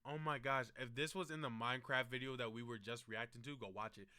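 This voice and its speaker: A man's voice: mid-range voice, fairly even intonation, fast, heavy background noise. A young man streaming casual reaction commentary, joking and slangy, saying "bro" a lot.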